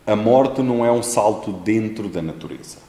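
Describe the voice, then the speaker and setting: Man, european portuguese accent, solemn spiritist lecture, lowish mellow voice, echoey hall, long reverb. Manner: measured, solemn delivery with frequent restarts.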